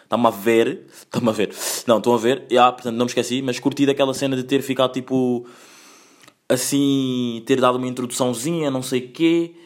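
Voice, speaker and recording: A man's voice: mid-range voice, fairly even intonation, fast talker. A man in his twenties from Angola, hosting a casual solo podcast from home in a loose, chatty way, full of slang and sprinkled with English phrases. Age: 20s. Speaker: podcast host.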